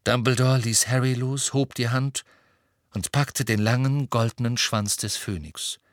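A man narrating an audiobook with steady, expressive storytelling. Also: medium pitch, measured pace, no room sound, studio quality. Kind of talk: audiobook reading.

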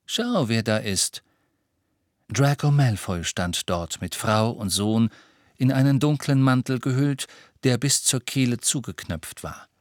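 A man narrates an audiobook from a script, telling the story in a measured, even way. His pitch is medium, and the recording is clean studio sound with no room noise.

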